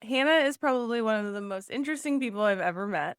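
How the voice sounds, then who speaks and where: A woman's voice: on the high side, expressive, fast talker, smooth, no room sound, studio quality. Upbeat woman podcast host. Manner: upbeat and enthusiastic. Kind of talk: scripted intro then interview chat.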